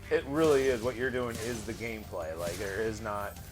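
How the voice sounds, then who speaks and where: A man's voice: lowish voice, expressive, a little fast. A young man co-hosting a casual let's play, talkative and teasing, and he laughs often. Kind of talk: casual gaming chat. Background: game music.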